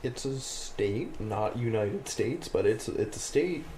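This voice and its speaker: A man bantering goofily in a casual podcast chat. His voice is pitched in the ordinary middle range. Faint background noise sits under him. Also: lively intonation, takes it slowly, dark tone. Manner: goofy, playful. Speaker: podcast co-host.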